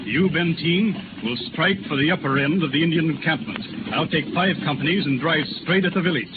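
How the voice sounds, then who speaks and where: An actor playing a bold, proud, doomed cavalry general in a declamatory 1930s radio drama style. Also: male voice, a little high, fairly quick, noisy background, lightly acted. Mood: confident. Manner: declamatory, commanding. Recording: tinny 1930s radio, loud music behind.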